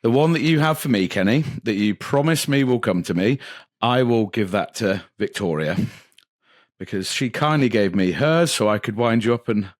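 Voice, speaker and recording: A man's voice: lowish voice, normal speed, no echo. A man co-hosting a podcast, teasing his partner in jokey, casual banter. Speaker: podcast co-host. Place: indoor podcast studio, filmed.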